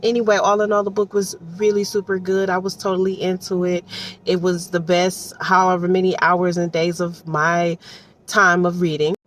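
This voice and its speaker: Her lowish voice moves little in pitch and keeps a normal speed as this American-accented Detroit woman offers casual audiobook reviews. She rambles conversationally in slang, wandering into asides, while a distant microphone catches faint background noise.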